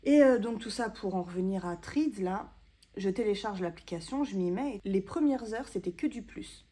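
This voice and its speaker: French woman in her thirties, chatty self-mocking vlogger, soft mellow tone, casual talk to camera. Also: medium pitch, expressive, moderate pace, husky. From France. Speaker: booktuber. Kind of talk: casual vlog chat to camera.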